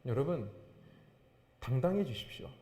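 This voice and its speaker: A man's voice: medium pitch, animated, moderate pace, mellow. Preaching man in an echoey church. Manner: emphatic preaching, voice rising and falling. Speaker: pastor. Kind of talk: sermon. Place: church sanctuary.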